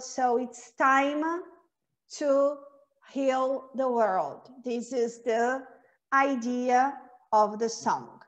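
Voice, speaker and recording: A woman whose first language is Portuguese, with a Brazilian accent, teaching an online English lesson, switching between English and Portuguese and reciting lines slowly. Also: high voice. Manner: slow, carefully paced recitation.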